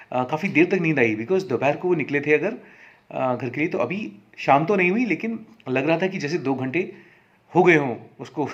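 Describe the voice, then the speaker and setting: Relaxed male storyteller on lo-fi audio. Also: fairly high pitch. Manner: relaxed and conversational, often correcting himself. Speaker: storyteller host. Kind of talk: casual spoken storytelling. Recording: slightly dull lo-fi recording.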